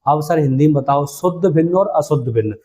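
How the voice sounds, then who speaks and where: Male maths tutor, mellow and a bit high, drills students with call-and-response. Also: a little fast. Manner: call-and-response drilling, asks then answers himself; calls students "beta" and "bhai". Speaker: maths teacher. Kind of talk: exam-prep maths lesson.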